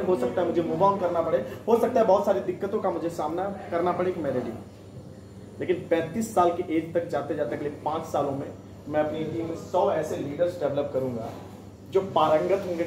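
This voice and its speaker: A man in his late twenties giving an emphatic motivational sales training talk, firing repeated questions at his audience in a meeting room of a restaurant. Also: sits high. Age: 20s. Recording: echoey room, mic at a distance.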